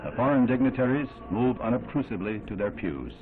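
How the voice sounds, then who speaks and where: A man giving solemn, measured, formal narration in an old 1960s newsreel. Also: mid-range voice, big pitch swings. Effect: old 1960s newsreel sound. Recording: thin narrow-band old film audio with music underneath.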